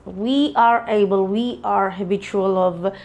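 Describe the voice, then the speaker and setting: A woman's voice: medium pitch, fairly even intonation, unhurried, darkish tone. A woman teaching as an English test teacher in a lecture, with frequent fillers and self-corrections, repeating key points as she explains.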